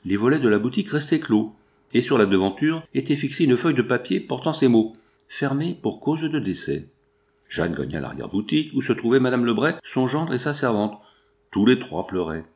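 A man narrating a classic novel aloud in a steady literary reading. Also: mid-range voice, brisk. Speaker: audiobook narrator.

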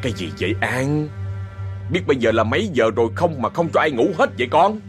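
Gruff irritable father, put on by a man, grumbling scolds. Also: medium pitch, lively intonation, a little fast, faint music behind, pitched above the performer's own voice, lightly acted.

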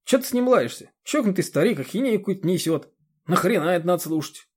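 A man's voice: high-pitched, animated, fast, voice pushed up. Man doing a blunt boorish village man. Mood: gruff. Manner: gruff, blunt.

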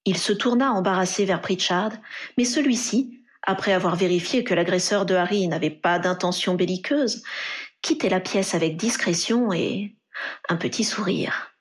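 A woman reading a fan fiction story aloud in a steady narrating voice. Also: lowish voice, moderate pace. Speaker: reader.

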